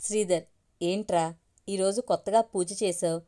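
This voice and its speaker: A woman voicing a gentle, affectionate middle-aged farmer father in a narrated story. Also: mid-range voice, steady tone, moderate pace, lightly acted. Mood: doting.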